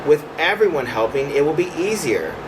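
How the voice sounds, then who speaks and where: A man's voice: a little high, moderate pace. A man reading a picture book to young children, voicing an eager, kind young girl. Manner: lifted, expressive, questioning. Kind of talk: storybook read-aloud for young children. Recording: distant mic, clear background hum.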